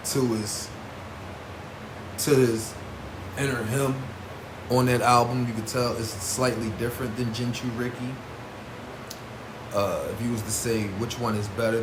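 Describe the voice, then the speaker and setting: A man giving casual vlog commentary as a host, in informal, slangy speech with emphatic repetition. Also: medium pitch. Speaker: host reviewing battle rap artists. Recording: roomy echo with clear background noise.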